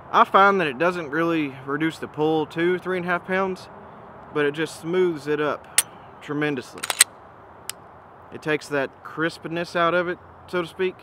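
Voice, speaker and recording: A man giving a casual, easygoing product comparison as a presenter, speaking in an informal, measured and opinionated way. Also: a little high. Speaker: gun reviewer and presenter. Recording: noisy outdoor recording with ambient hum.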